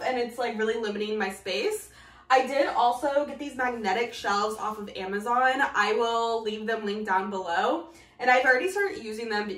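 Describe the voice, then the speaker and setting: Here a young adult vlogger talks casually to her camera, which is a few feet away, from inside a small tiled bathroom. Her voice is a little high and a bit bright. The recording carries the room's echo and a distant-mic quality.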